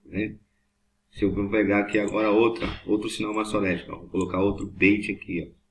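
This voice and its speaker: A man's voice: fairly low pitch, level tone, brisk. A man teaching a Hebrew class, patiently repeating each point and checking whether students follow. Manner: patient, repetitive, checks understanding often. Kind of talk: classroom lesson at a board.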